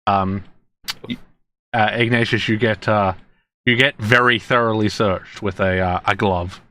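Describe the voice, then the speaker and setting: A man narrating as game master, halting and full of restarts. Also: fairly low pitch, steady tone, sharp tone. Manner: halting, many fillers and restarts.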